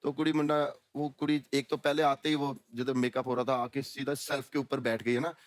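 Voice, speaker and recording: A man's voice: medium pitch, level tone, fairly quick, no room sound. A man from Punjab with a Punjabi accent, telling a comic story on a talk show and laughing as he slips into broken English. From Punjab, India. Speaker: guest singer.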